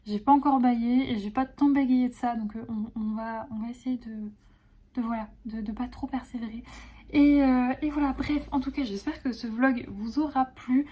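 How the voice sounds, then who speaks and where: A woman with a rather high, mellow voice talks casually to her viewers about pieces she drew herself. She gushes with affection and piles on sweet little words, with frequent hesitations and fillers. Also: steady tone, normal speed. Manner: gushing and affectionate, full of diminutives and fillers. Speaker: illustrator presenting her own collection. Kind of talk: casual vlog chat.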